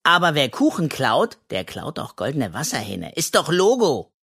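A reader voicing an excitable, boastful little male raccoon in a children's audiobook, with a hissing, conspiratorial manner. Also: mid-range voice, normal speed, creaky, husky, exaggerated voice. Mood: excited. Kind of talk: children's audiobook role reading.

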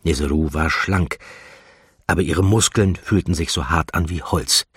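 A man narrating a fantasy audiobook in a measured, steady storytelling manner. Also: low-pitched, slightly rough, dry recording, clean studio sound. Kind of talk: scripted narration.

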